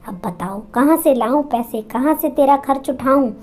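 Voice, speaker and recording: A woman's voice: high voice, moderate pace, darkish tone. A woman voicing a cruel, greedy grown son who bullies his mother in a spoken story. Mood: scornful.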